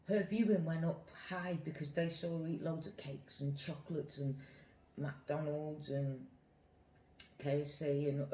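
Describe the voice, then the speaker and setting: In an echoey room with a little hiss or hum, a British mukbang vlogger speaks in a dark, medium-pitched voice, casually airing opinions to camera while rambling and repeating phrases for emphasis.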